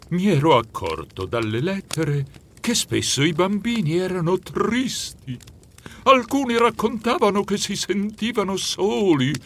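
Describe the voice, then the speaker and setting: An actor playing a wise, jolly old Santa Claus who talks warmly and thunders when cross. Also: male voice, a little hiss or hum. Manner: warm booming laugh, thundering when cross. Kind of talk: audiobook character voice.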